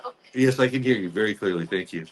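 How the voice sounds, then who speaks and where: Man, fairly low voice, spirit medium, short halting phrases, relaying messages, faint background noise. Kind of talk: relaying messages in a ghost box session.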